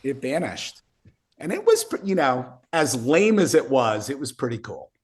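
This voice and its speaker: A man who is a guest musician tells an animated story, excited and profane, often laughing as he talks. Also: mid-range voice, normal speed, breathy edge.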